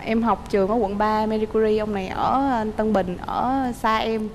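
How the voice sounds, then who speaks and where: A woman's voice: mid-range voice, fairly even intonation, normal speed, slight background noise. A woman aged 30 with a southern Vietnamese accent, telling stories casually and playfully as a talk show guest. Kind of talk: animated casual storytelling. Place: TV studio stage.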